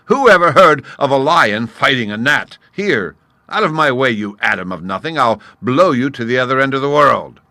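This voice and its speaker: A man's voice: very animated, slow, fairly bright tone, no room sound. A man doing a roaring, boastful lion king. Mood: furious. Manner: roaring, blustering, booming. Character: boastful proud male lion, king of the forest.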